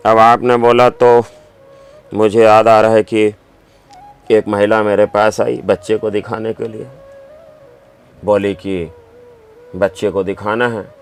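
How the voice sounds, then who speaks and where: A man's voice: lowish voice, flat delivery, slow pace, pauses often, faint music behind. A man who is a doctor and writer, answering interview questions with emphatic, anecdotal storytelling.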